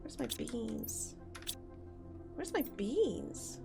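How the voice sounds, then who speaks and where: A woman with a gravelly, rather high voice speaks very slowly, her pitch swinging widely. Live-streaming a game with faint music in the background, she rambles, thinks aloud, and chats casually with viewers, her throat a little sore.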